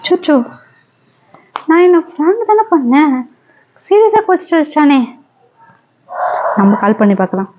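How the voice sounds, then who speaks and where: A woman's voice: high voice, big pitch swings, moderate pace, pauses often, darkish tone, dull audio, slight background noise. A woman playing a young woman who angrily breaks up with her boyfriend on the phone in a comedy skit, scolding and repeating herself. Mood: worried musing.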